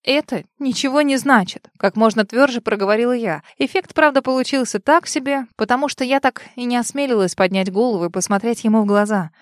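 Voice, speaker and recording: A woman narrating a first-person romance novel as an audiobook, intimate and expressive, sometimes dropping to breathy whispers. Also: on the high side, quick pace, few pauses, no echo, studio quality.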